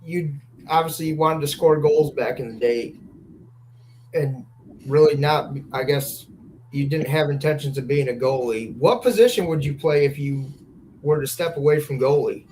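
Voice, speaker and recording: A man's voice: fairly high pitch, normal speed, darkish tone, a little hiss or hum, poor audio. A man hosting a podcast, chatting casually and putting fan questions to a guest. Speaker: podcast host.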